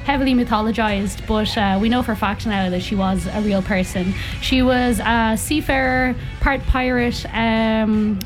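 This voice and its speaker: A woman's voice: fairly high pitch, fairly even intonation, measured pace, few pauses, over music. Young woman with a Dublin accent. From Ireland, grew up in North County Dublin. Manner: chatty, many ums and uhs. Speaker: circus performer guest. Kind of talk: casual radio interview. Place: live radio broadcast on location.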